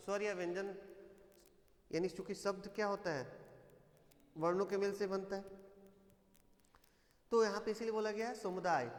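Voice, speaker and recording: High-voiced man teaching Hindi, echoey. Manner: explains step by step, asking and answering his own questions; slows down to recite verse examples. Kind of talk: live online class lecture. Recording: echoey room with long reverb.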